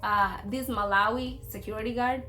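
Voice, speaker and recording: Casual vlog storyteller: young woman, higher-pitched voice, informal and playful, music underneath. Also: fairly even intonation, moderate pace, sharp tone. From Congo, schooled in Kenya. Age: young adult. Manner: conversational, informal, playful asides. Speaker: vlogger sharing personal experiences.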